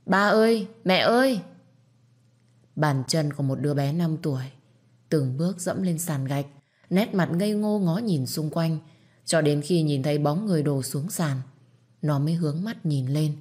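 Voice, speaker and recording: A woman reading a somber story aloud in a measured, steady way. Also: sits low, breathy edge. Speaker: audiobook narrator. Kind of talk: scripted story narration.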